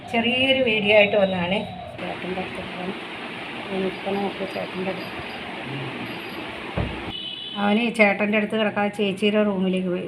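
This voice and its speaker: Woman, casual home vlog, chatty, faint background hiss. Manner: chatty, switches to high coaxing calls to her dog. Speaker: pet vlogger. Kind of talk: casual chat to camera. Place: home in a city in India.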